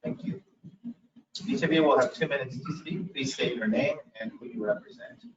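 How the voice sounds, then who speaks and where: A man chairing a public commission meeting, reading procedural items and pausing often on "uh". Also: mid-range voice, noisy background. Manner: procedural, with frequent "uh" pauses. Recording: echoey room, mic far off, dull sound.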